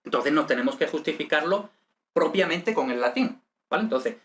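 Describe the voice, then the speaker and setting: A man's voice: on the high side, lively intonation, normal speed, a bit bright. A man teaching a lesson step by step, hesitant, with many fillers and checking questions. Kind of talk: step-by-step lecture.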